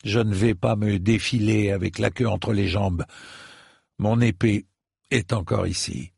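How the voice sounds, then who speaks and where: A blunt, weary young knight with a gravelly voice, as a man reading the story puts him on. He barks orders with rough force, slow and dry. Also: lowish voice, fairly even intonation, no echo, heavily acted. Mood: steady. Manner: forceful, commanding when shouting orders. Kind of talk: scripted narration.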